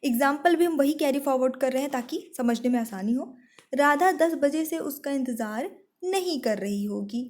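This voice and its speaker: Woman, high voice, exam-prep grammar teacher; methodical, step by step, slows down on the example sentences. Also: a little mellow.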